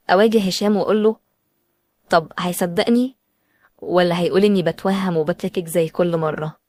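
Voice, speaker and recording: A woman's voice: fairly low pitch, a little mellow, no echo, clean studio sound. A woman with an Egyptian accent, telling a dramatic first-person story in an emotional, anxious way. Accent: Egyptian Arabic.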